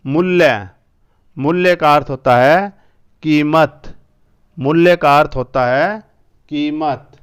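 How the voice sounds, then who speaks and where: A male teacher going through a school language lesson, repeating each word slowly two or three times. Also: a little high, smooth.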